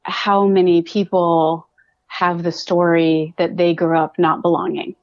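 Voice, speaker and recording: A woman from California, USA, appears as a guest on a podcast in a casual conversational interview, speaking reflectively and often restarting her sentences. Her voice is on the low side and darkish, with little pitch movement and an unhurried pace. The recording is dry, dull, and lo-fi.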